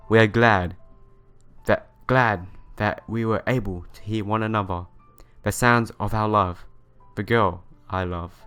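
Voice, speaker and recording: With a lowish voice that's a bit bright and clean in tone, a young let's player reads a visual novel aloud for viewers. He comments earnestly and informally, with game music in the background.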